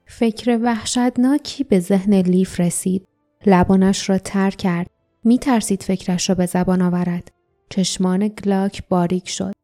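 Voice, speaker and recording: A woman narrating an audiobook in a calm, even storytelling manner. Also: mid-range voice, soft background music.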